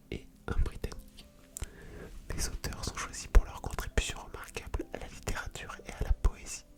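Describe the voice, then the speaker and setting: A woman hosting ASMR in a soft, unvoiced library whisper, reading aloud and commenting casually. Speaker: ASMR video creator and host.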